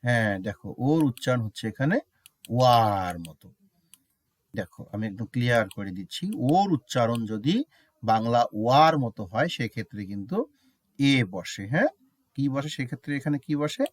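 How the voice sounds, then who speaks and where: Man, teacher, grammar lesson, animated pitch, checks with students, repeats words slowly, dry sound. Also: no room sound. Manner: asks students frequent check questions; mixes English examples into Bengali explanation. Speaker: English teacher. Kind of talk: classroom lesson explaining grammar.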